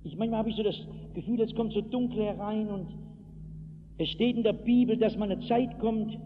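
Tinny old recording of a high-voiced German preacher. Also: male voice, normal speed. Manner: storytelling preacher, shouts out acted calls. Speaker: pastor. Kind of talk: evangelistic sermon. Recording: tinny lo-fi hall recording with hiss.

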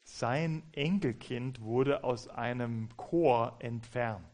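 A man interprets a sermon live, one phrase at a time. He matches the preacher's emphasis as he goes. His voice sits at a middle pitch. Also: slow pace, a little mellow. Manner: follows each phrase closely, mirroring the preacher's emphasis.

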